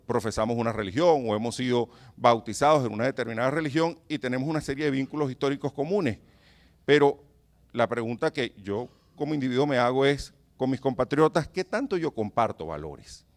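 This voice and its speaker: A man with a Venezuelan Spanish accent gives a public lecture at a mid-range pitch. He speaks earnestly and emphatically, turning often to his listeners with rhetorical questions. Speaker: professor giving a talk.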